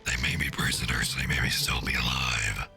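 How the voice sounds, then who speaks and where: A man playing a video game who reads the game's lines aloud through a deep, layered demonic voice filter, as a menacing demon. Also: normal speed, creaky, pushed and bright, faint music behind, heavily acted. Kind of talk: casual let's-play commentary reading dialogue options.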